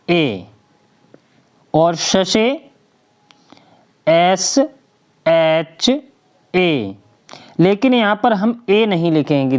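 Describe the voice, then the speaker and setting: Here the woman's voice is low-pitched and darkish. Her spelling lesson is slow and patient, with letters given one by one and her own questions answered as she goes, much like a classroom.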